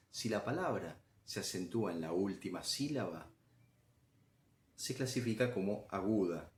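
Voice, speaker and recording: A man explaining grammar as a teacher, patient and step by step, often checking in with the listener. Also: low-pitched.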